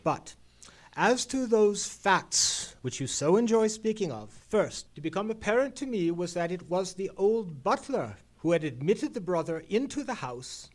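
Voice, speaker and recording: An actor playing a knowing gentleman detective in an old-time radio play, speaking in formal, measured phrases with dramatic pauses. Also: a little high. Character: Sherlock Holmes, theatrical, deliberate, knowing gentleman detective.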